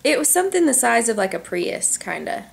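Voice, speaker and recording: A young adult woman vlogger telling a story in a casual, animated way, full of "like"s, recorded at home on a camcorder. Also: fairly high pitch, brisk, creaky. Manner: animated, chatty, many "like"s. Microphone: camcorder on tripod.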